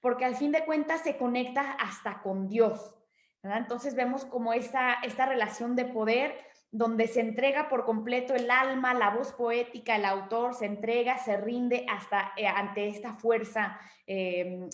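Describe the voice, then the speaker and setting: A woman's voice: fairly high pitch, fairly even intonation, normal speed. Echoey woman teaching a poem lesson. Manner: patient, explaining step by step with frequent fillers and tag questions. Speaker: Spanish literature teacher. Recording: echoey room.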